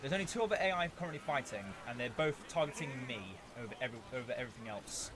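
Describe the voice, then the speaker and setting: A man's voice: medium pitch, animated, rapid-fire, crowd noise. A man giving strategy game commentary as a video host, playfully theatrical, talking to his units and making mock threats.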